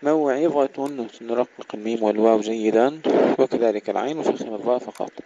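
A man teaching Quran recitation, explaining pronunciation briskly and precisely and sounding out each example. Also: medium pitch, dark tone, muffled recording.

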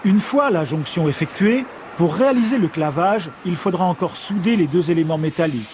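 A man, a news reporter, reading a scripted report in a measured, formal delivery. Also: high voice, lively intonation, darkish tone, slight background noise.

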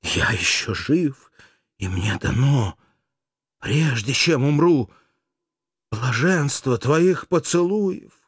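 A man reading an audiobook, voicing a dying wounded warrior who speaks in a weak, faltering, breathy voice. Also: mid-range voice, lively intonation, slow pace, long pauses, dry recording, clean studio sound, pitched above the performer's own voice, full character voice. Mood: faint tender.

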